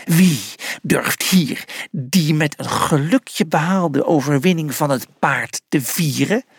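A man's voice: on the high side, slow pace, breathy edge, no echo, studio quality, heavily acted. Angry grand marshal, barking, hostile, storybook, played by a man. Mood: furious.

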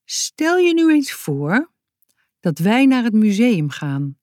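A genial grown man from a children's storybook who hosts breakfast and hatches a sly plan, as a woman reads him. He talks in a friendly way, pausing now and then to find the right word. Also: a little high, sing-song, a little mellow, no echo, clean studio sound, voice pushed up. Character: kindly grown man, scheming and hospitable.

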